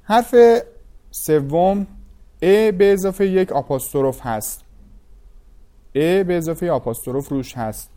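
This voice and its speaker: Man teaching a language lesson, slightly higher voice, slow and clear sounding-out of each vowel. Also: warm tone.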